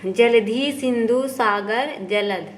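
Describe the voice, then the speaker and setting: Slow, slightly high voiced woman teacher doing a textbook walkthrough, asks n answers herself, faint hiss behind.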